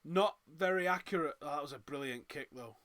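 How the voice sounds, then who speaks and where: A slightly fast, high-leaning male voice with a Northern English Manchester accent runs a live fight watchalong. The host keeps up chatty reaction commentary and reads out comments from viewers. Big moments make him loud and excited.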